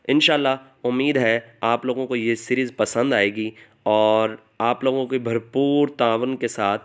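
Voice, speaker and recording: A man giving an online lesson over slides, asking questions aloud and repeating the answers. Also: mid-range voice. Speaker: language teacher.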